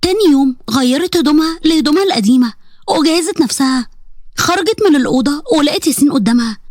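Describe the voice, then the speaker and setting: An Egyptian woman narrating a story at a rapid clip in a high voice. The recording is dry and close, with no room sound. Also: expressive, a little mellow, no room sound. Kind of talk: scripted narration.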